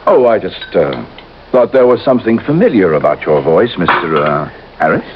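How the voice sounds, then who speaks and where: Halting, guilty murderer, low and jumpy in pitch, old-time radio drama, muffled broadcast. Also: male voice, very animated. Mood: uneasy. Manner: hesitant, halting, then cold. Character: nervous guilty male murderer turning menacing. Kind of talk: 1950s radio drama acting. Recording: dull old radio broadcast, faint hiss.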